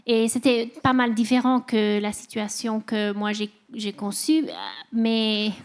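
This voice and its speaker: A woman's voice: a little high, flat delivery, unhurried, smooth. A woman novelist answering interview questions in non-native French with a foreign accent, searching for her words. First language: not French. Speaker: novelist, festival guest. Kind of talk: interview answers at a literary festival.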